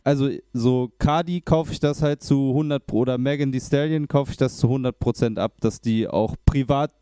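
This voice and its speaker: A man's voice: mid-range voice, fairly even intonation, moderate pace, dark tone, smooth, no echo, clean studio sound. A man chatting casually about a rap song, with loose slang and frequent restarts. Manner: hesitant, restarts, colloquial youth slang. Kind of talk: casual music review chat.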